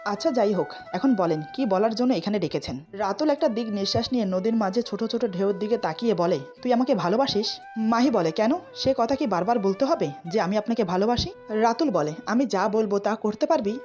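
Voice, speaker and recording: A woman with a Bengali accent narrates a romantic story, reading every character's lines in her own voice and dropping slightly lower for the men. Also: a little mellow. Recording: slightly dull recording with faint music.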